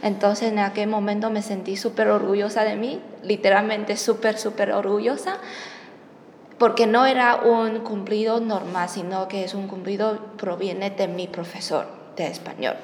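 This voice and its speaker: A young woman interviewee, originally from China with Chinese as her first language, narrates a personal story in a second language. Her pitch is medium with little movement, and she talks at a normal speed while hesitating, searching for words and fixing her own mistakes. An echoey hall and faint background noise shape the recording.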